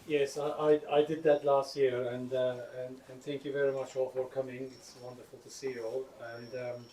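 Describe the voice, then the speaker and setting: A man from Turkey gives a hesitant thank-you speech with a dark, flat voice. He sounds distant in an echoey room, with faint ambience behind him. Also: medium pitch, moderate pace. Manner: hesitant, many uh fillers. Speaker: sailor giving thanks. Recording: echoey room, far from mic.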